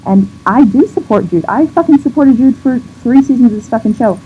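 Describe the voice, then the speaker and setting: Upset woman ranting through halting restarts. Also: a little high, expressive, faint music behind. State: on the verge of tears. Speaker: vlogger. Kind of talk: emotional rant to camera. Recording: dull lo-fi sound with faint background noise.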